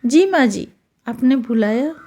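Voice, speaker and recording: Polite timid young bride, woman doing her, soft high voice, slow. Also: animated. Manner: polite, deferential. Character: meek dutiful young daughter-in-law.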